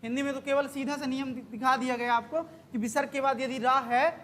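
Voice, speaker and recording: A woman's voice: high-pitched, steady tone, brisk, a little hiss or hum. A woman teaching an exam-prep grammar lesson, quizzing the class with questions that she then answers herself.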